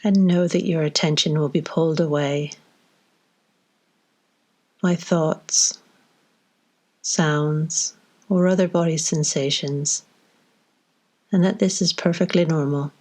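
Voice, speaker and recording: A woman with a low-pitched, steady voice leads a guided body scan meditation. She gives slow, gentle instructions, leaving long pauses between phrases.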